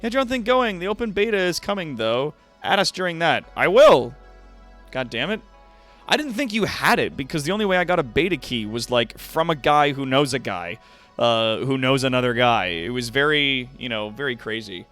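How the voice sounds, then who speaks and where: Faint music plays behind a man whose medium-pitched voice is expressive and fairly bright, moving at a moderate pace. He's a livestream host and content creator, casually chatting to viewers with slang and swearing.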